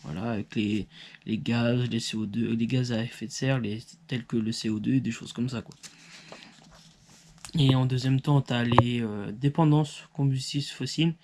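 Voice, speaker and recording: A man's voice: mid-range voice, fairly even intonation, normal speed, darkish tone, a little hiss or hum. A man hosting his channel, explaining a topic in an informal way, full of fillers, restarts and self-corrections. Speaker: YouTube channel host. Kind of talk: informal educational talk, partly read.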